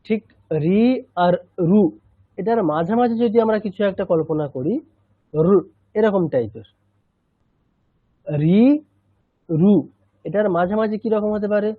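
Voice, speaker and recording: A man teaching a chanting class, patiently explaining and slowly repeating sounds, sometimes switching into English. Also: sits high, expressive, dry recording. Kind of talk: online language lesson. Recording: tinny phone-like line.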